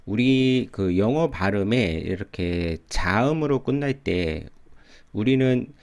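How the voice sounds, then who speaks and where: A man explains English pronunciation in a calm, teacherly way. His voice sits low, and he talks at an easy, slow pace. He repeats words carefully to model how they sound. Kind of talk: explaining song lyrics and pronunciation.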